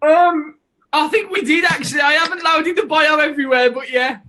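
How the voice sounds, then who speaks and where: A man's voice: very high voice, steady tone, fairly quick, sharp tone, raised voice, rough recording. A man co-hosting a casual live-stream chat over a video call, joking and laughing often. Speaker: co-host.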